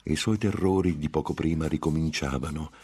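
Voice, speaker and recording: A man narrating a gothic novel in a grave, measured dramatic reading. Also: extremely low pitch, darkish tone, husky. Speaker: audiobook narrator.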